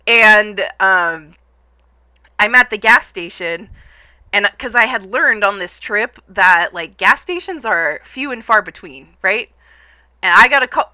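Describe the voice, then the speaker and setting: A woman's voice: medium pitch, sharp tone, smooth, no room sound. A young woman streaming live, casually telling a long story to her chat, rambling with lots of fillers and frequent laughs.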